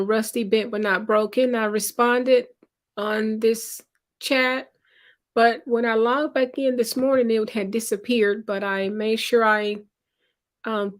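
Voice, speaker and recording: Unhurried woman hosting a live chat. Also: fairly high pitch. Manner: greets viewers by name, reads chat aloud; unhurried, conversational. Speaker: livestream host. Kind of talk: casual live-stream chat.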